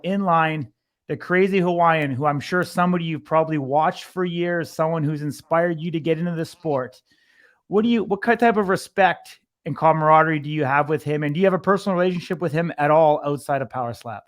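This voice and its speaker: A man's voice: fairly high pitch, brisk. A man working as an interviewer, asking long, rambling questions in a conversational sports interview style.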